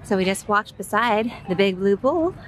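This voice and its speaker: A mom vlogger in her thirties points out sights around an outdoor resort and an indoor arcade, filming at arm's length. She speaks at normal speed in an animated, mid-range voice, chatty and upbeat, with a bit of hiss or hum underneath.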